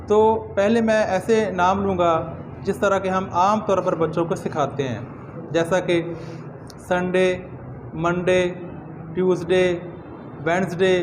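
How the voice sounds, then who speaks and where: A high-voiced man gives an earnest pronunciation lesson and says each word slowly, again and again, as a model. Steady background noise sits under his voice throughout. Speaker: English pronunciation teacher. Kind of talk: spoken lesson to camera. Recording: noisy background ambience.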